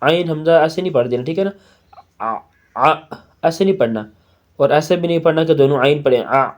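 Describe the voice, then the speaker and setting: A man with a Pakistani Urdu accent teaching children to spell out and recite Quranic syllables, slowly drawing out the recitation and then explaining quickly. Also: a little high, darkish tone. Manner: slow drawn-out recitation alternating with quick explanations.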